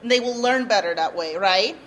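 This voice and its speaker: Presenting at a workshop, a young woman from Peru shares her personal story candidly and earnestly before an audience, with a few light nervous laughs. Her mid-range voice is brisk and fairly bright. There is no handheld mic; a room recorder captures her.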